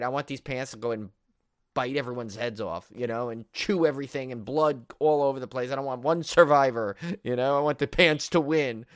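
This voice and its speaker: This medium-pitched male co-host is heard in a dry, studio-quality recording of a podcast's casual film-review talk. He rambles and repeats himself with eager emphasis, leaning heavily on "like" and "you know".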